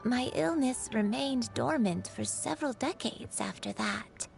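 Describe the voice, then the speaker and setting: A frail, forgetful old grandmother, put on by a woman streamer reading game dialogue. She speaks slowly with a gravelly, fry-laden voice pitched a little high. Her tone is soft and sorrowful. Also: animated, faint music behind. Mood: wistful. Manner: slow, sorrowful, gravelly storytelling.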